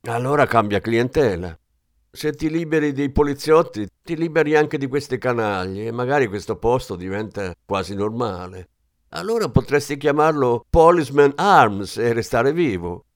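Narrator voicing a hard-bitten ex-cop, cool and threatening, dry delivery. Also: male voice, mid-range voice, expressive, moderate pace, no room sound, lightly acted. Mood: menacing. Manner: cool, threatening, dryly mocking.

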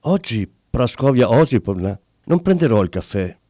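A man's voice: medium pitch, big pitch swings, normal speed, warm tone, no room sound, clean studio sound. A man voicing a timid barber who stammers and fumbles for excuses. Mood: casual. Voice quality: hesitant, stammering. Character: timid, flustered middle-aged barber.

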